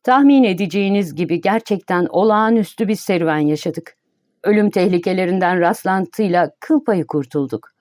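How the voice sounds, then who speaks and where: A woman reading the lines of a male club president who speaks in a loud, ceremonious way in a storybook. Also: fairly low pitch, a little fast, no room sound, studio quality, natural voice. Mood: solemn.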